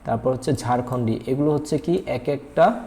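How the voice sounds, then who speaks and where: A man's voice: mid-range voice, normal speed, mellow. Man teaching a patient grammar lesson. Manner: patient, repeats points, asks and answers his own questions; frequent hesitation fillers.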